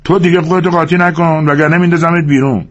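A man's voice: fairly high pitch, big pitch swings, husky, muffled recording, pitched above the performer's own voice. Man doing a hot-tempered, bullying young man. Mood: aggressive. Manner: aggressive, threatening.

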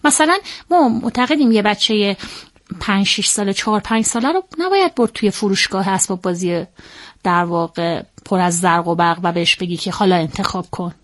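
This is a woman giving an interview as a parenting expert, with a voice of ordinary, middling pitch. She explains things step by step in a measured, methodical way and often stops to rephrase before going on.

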